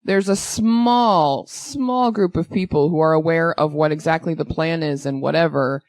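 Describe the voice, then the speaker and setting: A woman with a lowish voice talks on a movie podcast in a blunt, exasperated, sarcastic way. She swears freely. The sound is dry and close to the mic. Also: normal speed, darkish tone, dry recording. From Canada. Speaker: podcast co-host. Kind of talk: casual movie podcast chat.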